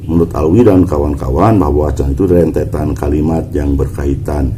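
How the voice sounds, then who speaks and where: A man's voice: a bass voice, a little fast, mellow, a little hiss or hum. A man giving a university lecture, explaining step by step and posing questions he then answers himself.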